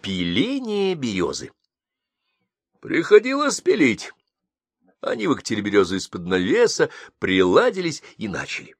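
A man reading a comic story aloud as an expressive audiobook narrator. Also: mid-range voice, normal speed, husky, no room sound, studio quality.

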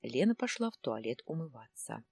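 Woman audiobook narrator, low and husky, dry close sound. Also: sing-song, normal speed, darkish tone, no room sound.

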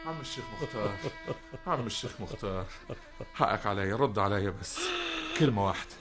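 Man acting devoted follower, egyptian accent, quick pleading, coaxing, radio drama. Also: fairly low pitch, expressive, over music, close to an everyday voice. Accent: Egyptian Arabic. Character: devoted, worried younger male follower. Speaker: Awad, a follower of the sheikh.

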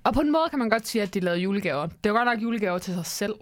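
A woman co-host chats casually, curious and friendly, asking questions at a mid pitch. The sound is dry and close. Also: expressive, dry recording. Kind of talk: casual chat.

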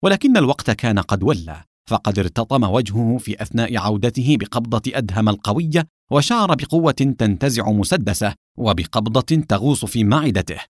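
A man narrating a thriller audiobook in a dramatic, expressive style. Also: medium pitch, a little fast, dry recording, clean studio sound.

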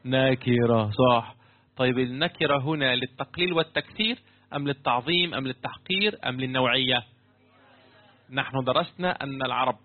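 A male teacher at an ordinary middle pitch leads a classroom lesson on scripture commentary. He keeps pulling his students in, asking the same question twice and leaving sentences open for them to finish. The sound is thin and phone-like, as if heard over a narrow band. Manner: quizzes students with repeated questions and fill-in prompts. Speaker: teacher explaining Quran commentary. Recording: tinny phone-like low-fidelity sound.

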